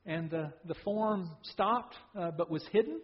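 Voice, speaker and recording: A man's voice: sits high, a little slow. A male pastor preaching a sermon and telling a story, often repeating words as he starts phrases, in a church sanctuary. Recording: dull sound with long hall reverb.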